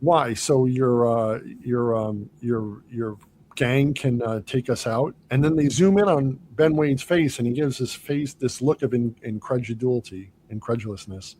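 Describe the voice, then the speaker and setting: A man's voice: mid-range voice, unhurried, slight background noise. A man hosting a podcast, casually talking through a film and acting out its lines as he goes. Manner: animated retelling, quoting movie lines. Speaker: podcast host.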